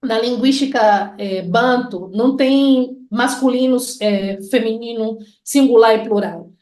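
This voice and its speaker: A Brazilian woman with a Bahian accent, an educator giving a lecture, slowly drawing out her example words. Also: on the high side, darkish tone. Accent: Bahian Portuguese. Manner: deliberate, stretches out example words. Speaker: educator and researcher. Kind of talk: lecture explaining linguistics. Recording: echoey room.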